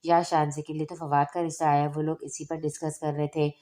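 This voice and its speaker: A woman's voice: low-pitched, flat delivery, fairly quick, mellow, close to an everyday voice. Woman reading as a chirpy young bride. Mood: chatty.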